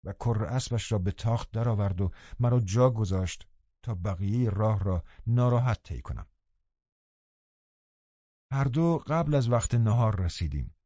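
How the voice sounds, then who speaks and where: Dark-voiced male audiobook narrator. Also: on the low side, no room sound. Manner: calm, measured storytelling. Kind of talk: scripted narration. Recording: slightly dull, muffled recording.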